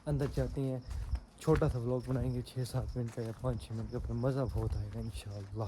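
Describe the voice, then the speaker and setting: A man runs his own vlog, chatting upbeat and straight to camera as he walks a street at night. His voice sits at an ordinary middle pitch. The outdoor recording carries clear background noise. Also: steady tone, dark tone. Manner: chatty, upbeat, addresses viewers directly. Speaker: vlogger and channel host. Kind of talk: casual vlog chat.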